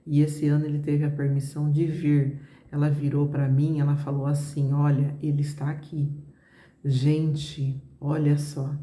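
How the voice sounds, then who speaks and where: A middle-aged Brazilian woman with a Brazilian Portuguese accent tells her viewers a personal story. Her voice is deep and mellow, and she keeps a chatty tone with many little asides to the audience. The recording carries a noticeable room echo. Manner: conversational, fillers like "né" and "gente", addresses viewers directly. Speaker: travel vlogger.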